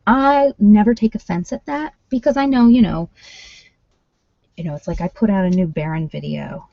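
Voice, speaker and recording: This ASMR host speaks in a mid-range, creaky voice at normal speed, leading a live workshop session that includes tarot readings. She addresses her online audience casually, rambling slightly while thinking aloud, and the audio comes across muffled and roomy.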